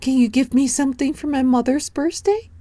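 A woman's voice: warm tone, dry recording, natural voice. A woman doing eager little boy Danny. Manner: high, quick, eager asking.

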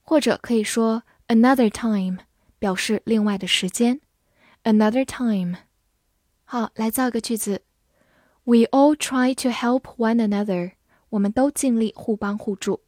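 A woman teaching English vocabulary in Chinese, spelling each word letter by letter and reading example sentences slowly and carefully. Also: on the high side, a little mellow, no echo, studio quality. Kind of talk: scripted vocabulary lesson.

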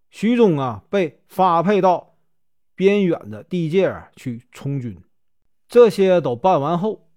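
A Northeastern-accented man tells a classic tale in a folksy storytelling voice, drawing out little filler syllables. His pitch sits slightly high and moves lively, and the recording is dry and close. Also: no echo. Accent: Northeastern Mandarin. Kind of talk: storytelling narration.

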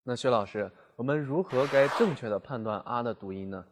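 A man's voice: mid-range voice, a little fast, crowd noise. A man co-hosting a lesson, politely putting questions to the teacher. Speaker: co-host asking questions. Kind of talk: scripted lesson dialogue.

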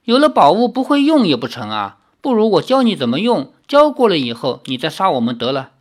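A storybook narrator voicing a clever young girl who talks quickly and coaxingly. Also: mid-range voice, huge pitch swings. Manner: coaxing, quick, sweet-talking. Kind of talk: audiobook reading.

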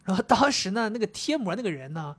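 A man's voice: high voice, fast talker. A man co-hosting a casual chat podcast, telling stories with animation and acting out both sides of a conversation. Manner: animated storyteller, acts out dialogue. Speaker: podcast co-host.

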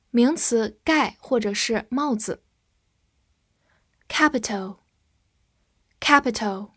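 A woman whose first language is Chinese teaches English vocabulary in a patient, instructive way, spelling each word out one letter at a time. She speaks very slowly in a somewhat high voice. The recording is close and dry, with no room sound. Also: no echo. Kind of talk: spelled-out vocabulary lesson with slow read-alongs.

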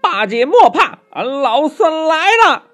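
A cocky monkey king shouts high and bold through a children's story, as a male narrator puts him on. The calls are loud and boastful, and faint music plays behind. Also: sing-song, unhurried, exaggerated voice.

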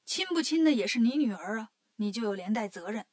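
Woman doing a soft-spoken old court official. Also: on the high side, lively intonation, brisk, dry recording, studio quality. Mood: coaxing. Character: old male court official, mild peacemaker.

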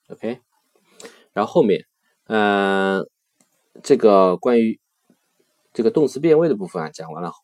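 一位男老师用中文讲解意大利语语法，耐心细致，关键的变位形式会放慢反复念。. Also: male voice, fairly low pitch, darkish tone, no echo. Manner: patient, repeats key forms slowly. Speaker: Italian language teacher. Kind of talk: grammar lesson explanation.

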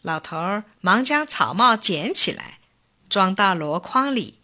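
A woman reading a children's fable aloud in an expressive, deliberate way. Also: mid-range voice. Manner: expressive, slow and clearly paced. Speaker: storyteller.

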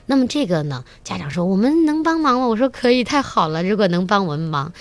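A woman with a mid-range voice talks quickly as an enthusiastic talk-show guest, a children's musical theatre teacher and mother of a young child. She tells animated stories, acting out snippets of conversation. There's no room sound.

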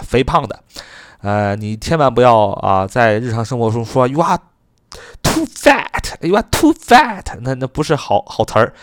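A man gives an English grammar lesson, explaining in Chinese and reading example sentences slowly and carefully. He keeps asking the class questions and then answers them, spelling words out one letter at a time. The recording is dry and close, with no room sound. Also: medium pitch, no echo. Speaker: English teacher.

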